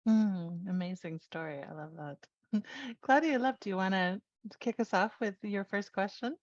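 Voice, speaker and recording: A woman's voice: medium pitch, measured pace, no room sound. A woman hosting an interview, who introduces her guests in a welcoming way. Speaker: host. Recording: dull dry video call audio.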